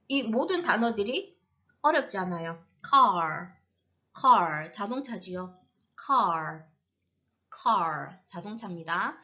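A woman teaching English phonics in a slow lesson, patiently repeating each word several times. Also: mid-range voice, sharp tone, dull audio. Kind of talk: slow classroom-style lesson.

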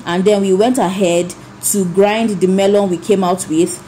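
A woman narrating her vlog as a calm voice-over. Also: medium pitch, moderate pace, over loud music, low-quality recording. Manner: calm recounting. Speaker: vlogger.

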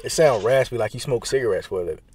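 A man's voice: medium pitch, expressive, very fast, noisy background. A young man vlogging on a handheld phone camera, with laid-back, slangy banter. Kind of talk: casual vlog chat. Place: out and about in a city, then a casino.

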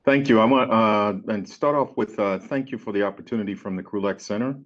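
Middle-aged man, lower voice, formal and halting, dull lo-fi call audio. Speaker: deputy commanding general. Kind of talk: panel remarks. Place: office. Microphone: video call.

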